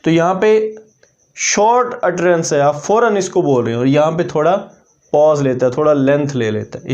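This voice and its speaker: A man's voice: on the high side, a little mellow. A man teaching a lesson, explaining step by step and repeating example words aloud. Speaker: English teacher. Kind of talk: classroom-style lesson. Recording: dull lo-fi recording.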